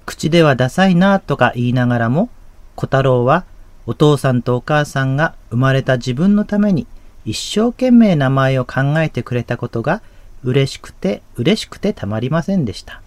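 抑揚豊かに語る男性ホスト. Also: male voice, mid-range voice, expressive, moderate pace, no room sound. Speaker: radio program host, pastor.

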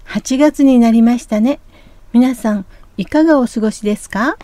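高く柔らかな声の女性共同ホスト. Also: female voice, on the high side, normal speed, dark tone, no echo. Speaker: radio co-host.

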